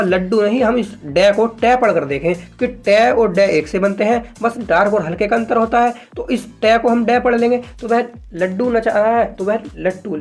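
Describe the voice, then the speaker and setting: In a high voice, a man teaches viewers a shorthand lesson, casual and patient, slowly repeating example sentences. He treats his viewers as friends, often checks that they're following, and frequently says "ठीक है."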